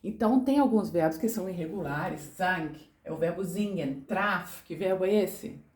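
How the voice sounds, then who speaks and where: A woman's voice: on the low side, normal speed, darkish tone, echoey room. A woman teaching German grammar, patiently spelling out verb endings and repeating little tag questions. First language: Portuguese. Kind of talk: explaining grammar to learners.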